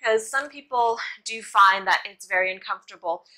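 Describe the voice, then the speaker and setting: Young woman, bright forward voice, casual yoga-teacher delivery, encouraging and informal, for an instructional demo. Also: mid-range voice, normal speed, low-quality recording.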